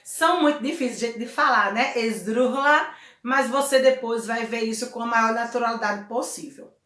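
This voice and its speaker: A Brazilian woman teaching a Spanish class to children, friendly and chatty, checking in with "tá?" and "né?" and slowing down to spell out example words. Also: on the high side, fairly bright tone, echoey room. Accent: Brazilian Portuguese. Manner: friendly, chatty explaining with frequent "tá?" and "né?". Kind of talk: recorded remote class lesson.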